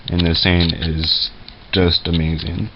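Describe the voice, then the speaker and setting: A man's voice: low voice, flat delivery, slow pace. A man casually showing off his game collection in a room at home, hesitant and full of fillers and self-corrections. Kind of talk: casual show-and-tell vlog. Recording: dull lo-fi camera audio with loud noise.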